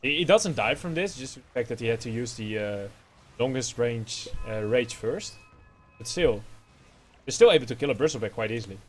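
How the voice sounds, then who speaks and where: A man with a Dutch accent giving excitable play-by-play commentary on an esports match. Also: medium pitch, moderate pace. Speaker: esports caster.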